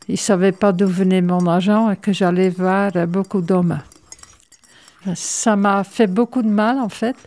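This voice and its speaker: Slow-spoken elderly woman reminiscing. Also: mid-range voice, warm tone. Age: older. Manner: halting, reminiscing, wry. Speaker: great-grandmother recalling her past. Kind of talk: personal recollection for a documentary.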